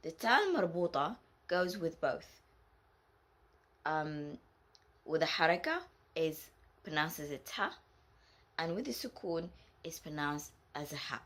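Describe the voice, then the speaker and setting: A Saudi woman whose first language is Arabic teaches a patient Arabic lesson, slowly repeating each example word. Her voice is deep and a bit bright, with lively intonation.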